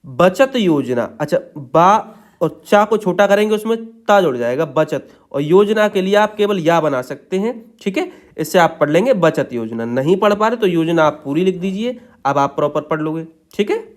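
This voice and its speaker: A man's voice: high-pitched, animated, moderate pace. A man teaching shorthand in a patient step-by-step tutorial, checking in after each point.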